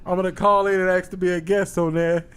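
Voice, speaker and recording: A man's voice: sits high, flat delivery, fast talker, fairly bright tone, clear, resonant tone. A man co-hosting a comedy podcast, trading crude, boastful jokes in casual banter. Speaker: podcast co-host.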